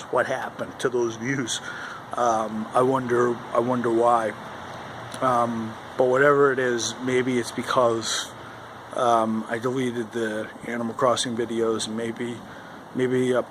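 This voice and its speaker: Man vlogging outdoors in loud wind noise. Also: mid-range voice. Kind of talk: casual vlog chat to camera. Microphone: handheld camera at arm's length. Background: howling wind noise.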